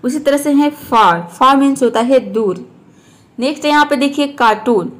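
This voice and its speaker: A woman teacher explaining words and repeating each one slowly. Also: sits high, expressive. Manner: slow, repeats each word to show how it is said. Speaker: English teacher. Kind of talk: explaining lesson.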